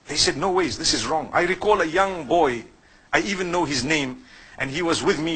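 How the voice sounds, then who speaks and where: A man's voice: on the high side, bright, forceful tone, rough recording. A man from Zimbabwe giving a sermon as an Islamic preacher, speaking conversationally and putting questions to the listeners before answering them himself.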